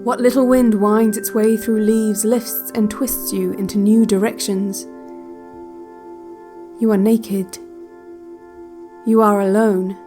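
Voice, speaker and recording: A woman with a natural, mid-range voice acts as the calm narrator of a relaxation cassette in an audio drama. Over underlying music, she guides a slow visualization addressed to "you," scripted and delivered in short, spaced sentences, measured, deliberate and instructional, creating a calm, hypnotic feel.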